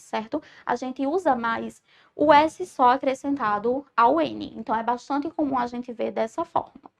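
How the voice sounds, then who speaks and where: A woman's voice: high-pitched, gravelly. A woman from Brazil, a teacher giving a recorded online school lesson, explaining patiently and often checking in with "certo?". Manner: stresses syllables slowly when spelling out words.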